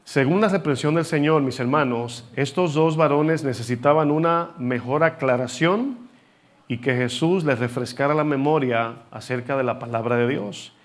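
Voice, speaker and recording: A man's voice: mid-range voice, moderate pace. A man preaching a sermon, teaching from scripture with rhetorical questions and having the congregation repeat words after him.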